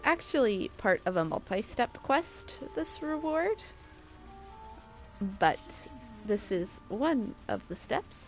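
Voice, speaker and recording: A woman's voice: on the high side, sing-song, takes it slowly, faint music behind. A woman streamer giving casual, playful commentary while playing a game. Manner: chatty, playful asides.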